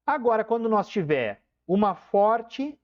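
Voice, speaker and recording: A man gives an online lesson in a slightly raised, very animated voice. He stretches out key words and keeps checking in with his students. The recording sounds dull and lo-fi. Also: high-pitched. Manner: explains step by step, keeps checking in with "tá?"; drawn-out emphasis on key terms. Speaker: teacher.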